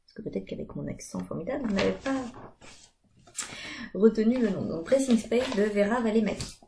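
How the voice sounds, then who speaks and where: A woman's voice: medium pitch, expressive, a little fast, vocal fry, noisy background. A woman in her thirties, chatting casually about her knitting with many fillers. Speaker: knitting vlogger. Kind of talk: casual chat.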